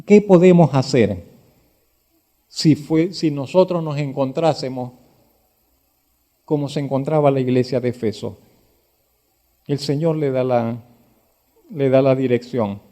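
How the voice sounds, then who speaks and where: Emphatic preaching man, mellow tone. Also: medium pitch, measured pace, pauses often. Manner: emphatic, rising to loud exhortation; direct questions to the listener. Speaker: pastor. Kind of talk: sermon.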